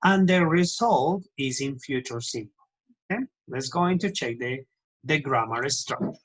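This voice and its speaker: On low-quality audio, a male English teacher with a husky, medium-pitched voice teaches grammar online. He speaks slowly with lively intonation, moving between English and Spanish, frequently correcting himself and constantly checking on his students.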